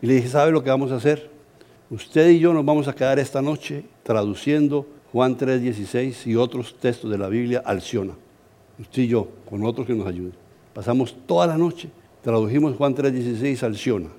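A middle-aged Colombian man, a pastor, preaching a sermon as an animated, humorous story. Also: medium pitch, moderate pace. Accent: Colombian Spanish.

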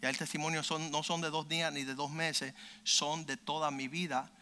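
A man's voice: a little high, little pitch movement, moderate pace, sharp tone, clean tone. A man preaching a sermon, telling a testimony with fervent emphasis and acting out what people said. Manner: fervent, emphatic storyteller who acts out quotes.

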